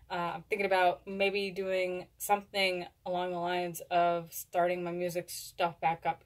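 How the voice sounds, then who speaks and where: A young adult woman chatting casually to camera in a rambling, stumbling way, talking with a lip full of dip. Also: fairly low pitch. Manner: rambling, stumbles over words. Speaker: video blogger doing a product review. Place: indoors, small home room. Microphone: camera at a short distance.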